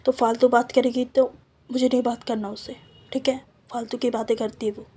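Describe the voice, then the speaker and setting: Woman reading as a breezy, dismissive young woman in a storytime, higher voice, husky edge. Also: little pitch movement, normal speed, mellow. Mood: breezy, defensive.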